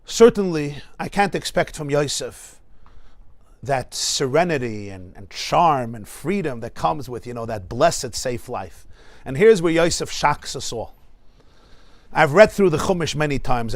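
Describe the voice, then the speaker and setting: A middle-aged American man, a rabbi, teaching a lively class in a synagogue study hall, often laughing and asking the audience questions. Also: mid-range voice, a little slow. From United States.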